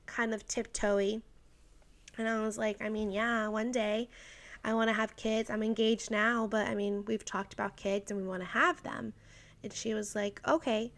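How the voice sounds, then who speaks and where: Young woman in her 20s doing a storytime vlog, kinda high voice, lots of "like", gets emotional. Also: a bit bright. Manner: chatty, lots of "like" and quoted dialogue; emotional, laughing through it. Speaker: vlogger. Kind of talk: personal storytime to camera.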